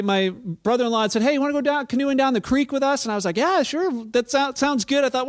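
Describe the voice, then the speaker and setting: High-voiced man preaching conversationally. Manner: conversational, storytelling with frequent restarts. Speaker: pastor. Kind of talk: sermon.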